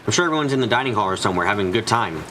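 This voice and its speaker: A voice actor narrates a first-person visual novel fan dub as an anxious, frightened, trapped and desperate character, the mood uneasy and brooding. His lowish, expressive voice is close to everyday speech, delivered very fast over background noise.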